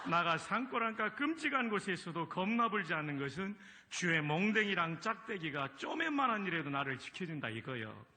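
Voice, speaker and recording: Here is a high, bright and exuberant psalm reading in thick Jeolla dialect, as a pastor puts it on for a man. He stretches out and punches his vowels with exaggerated emphasis. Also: very animated, fairly quick, few pauses, exaggerated voice. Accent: Jeolla dialect, put on.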